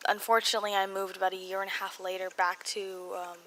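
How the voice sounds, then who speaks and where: A young woman with an American accent and a mid-pitched voice chats through a personal voice-over for a video blog. Her words come out a little muffled, as if around braces. She rambles, cuts herself off and drops in self-mocking asides. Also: little pitch movement, fast, bright, forceful tone, slight background noise. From California, United States. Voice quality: slightly muffled articulation from braces. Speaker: video blogger. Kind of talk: casual chatty voice-over storytelling.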